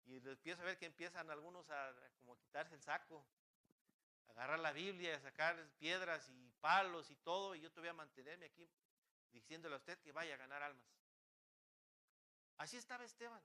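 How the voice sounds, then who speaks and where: A man preaches in a church, his voice high and bright with a forceful edge. He presses his listeners with fervent rhetorical questions and keeps stumbling and restarting his phrases. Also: brisk. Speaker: pastor. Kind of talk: sermon.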